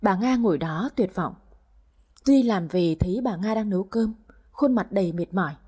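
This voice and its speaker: Brief: woman storyteller, mellow husky voice, even delivery. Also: medium pitch, normal speed. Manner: even storytelling, voicing all roles. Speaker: story narrator. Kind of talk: scripted story narration.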